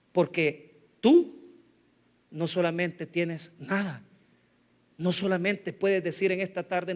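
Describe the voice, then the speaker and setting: A man preaching a sermon, telling personal stories with humor and swinging between loud emphasis and soft asides. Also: high voice. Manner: tells personal anecdotes with humor. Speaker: pastor.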